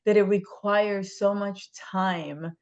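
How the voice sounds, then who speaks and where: A woman's voice: medium pitch, fairly even intonation, slow, a little mellow. Earnest woman on slightly dull audio. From Dominican Republic. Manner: earnest, emphatic, with repeated "right?". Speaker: guest, state legislator. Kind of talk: interview.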